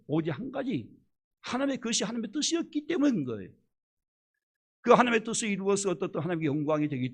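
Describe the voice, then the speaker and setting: Korean-style church pastor, man, fervent sermon, rough husky tone, fairly high, animated pitch. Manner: impassioned preaching with rhetorical questions, swinging from loud to hushed.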